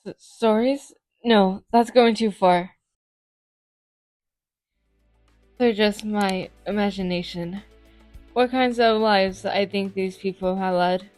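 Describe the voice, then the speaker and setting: A bashful, easily flustered anime student, voiced by a woman in a fan dub. The mid-pitched voice is hesitant and stammering, modest and apologetic, with music playing underneath. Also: fairly even intonation, a little slow, darkish tone, no room sound, lightly acted. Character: shy, flustered, modest student with secret hobby.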